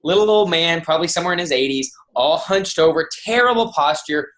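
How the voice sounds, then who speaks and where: A man's voice: fairly high pitch, a little fast. A man telling stories on a call. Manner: conversational, with restarts and animated quoting. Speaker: speaker on a team kickoff call. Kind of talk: motivational storytelling.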